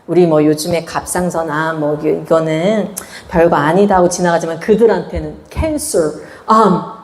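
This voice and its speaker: A woman missionary giving a lively testimony, acting out quotes with a raised voice and laughter. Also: lowish voice, reverberant. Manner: animated storytelling, acts out quotes with raised voice and laughter. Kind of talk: testimony sermon.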